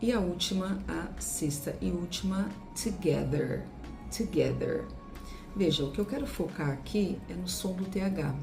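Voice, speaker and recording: A Brazilian woman teaching English pronunciation, drilling words with deliberate, exaggerated repetitions. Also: lowish voice, over music. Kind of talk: pronunciation lesson.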